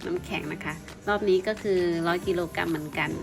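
A woman's voice: fairly low pitch, fairly even intonation, quick pace, creaky, over music. A woman from Thailand talks as a vlogger in a polite, explanatory way, informally and with some repeated words. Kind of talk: informal explanatory vlog narration.

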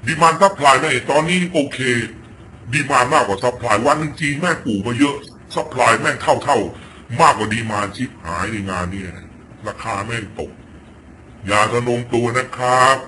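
A man from Thailand delivers blunt, crude political commentary, swearing freely in an animated, swinging voice. His tone is bright and forceful, with a faint hiss of background noise under the home recording. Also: mid-range voice, a little fast. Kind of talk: ranting political commentary clip. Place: home in Virginia.

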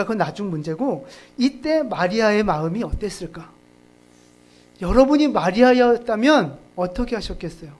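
A pastor delivers a sermon at a church service in a relaxed, conversational voice of middle pitch. The preacher jokes and laughs along the way and keeps turning to the congregation with questions.

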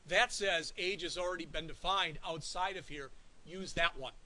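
A man's voice: fairly high pitch, normal speed, sharp tone, poor audio. A man teaching a college programming class, talking conversationally and checking in often with the students. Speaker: college instructor. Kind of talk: classroom lecture. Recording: faint hiss.

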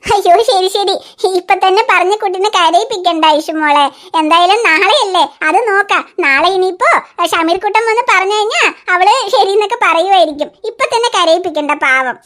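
A woman voicing a gentle aunt in a cartoon who patiently coaxes a child. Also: very high voice, fairly quick. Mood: coaxing. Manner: soothing, persuasive coaxing. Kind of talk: cartoon voice acting.

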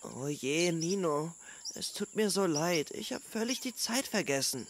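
Lino, a greedy little dinosaur boy who can't stop eating, as a woman reading a storybook puts him on. His voice swings up and down with lively emotion, whiny and eager. A faint outdoor hiss runs underneath. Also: on the low side, measured pace. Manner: whiny and eager, talks with mouth full.

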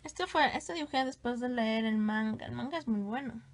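Speaking fairly quickly in a fairly high voice, a woman casually shows off her old hand drawings. She gushes and exclaims as she goes, teasing herself along the way.

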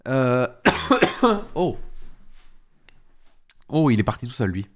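A man hosting a casual live stream while sick with a head cold, sniffly and stop-start. He talks at an ordinary mid pitch, repeats himself as he goes, and bursts out in exclamations when his gear misbehaves. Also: very animated, slow pace. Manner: chatty, restarts often, exclaims at tech trouble.

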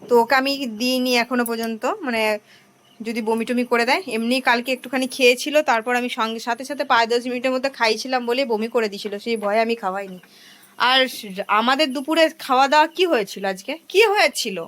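Hoarse chatty woman home vlogger. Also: a little high, fairly even intonation, fast talker, fairly bright tone. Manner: chatty, rambling, talks to viewers as friends. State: hoarse from a cold. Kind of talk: casual home vlog chat to viewers.

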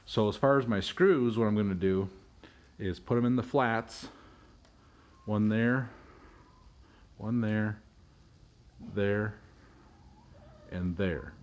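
Low-voiced man explaining barn work. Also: takes it slowly, long pauses. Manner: plain, matter-of-fact explaining with small restarts. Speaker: homestead video host. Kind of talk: casual how-to narration. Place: pole barn workshop, partly outdoors.

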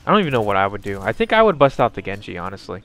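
A man's voice: lowish voice, very animated, very fast, a bit bright. A man giving wry, sarcastic running commentary on his own gameplay, swearing freely.

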